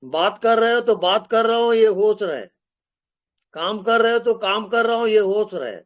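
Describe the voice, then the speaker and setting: A man acting as a spiritual teacher, giving calm guidance in short, repeated instructions during a live question-and-answer session. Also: high voice, normal speed, highs cut off.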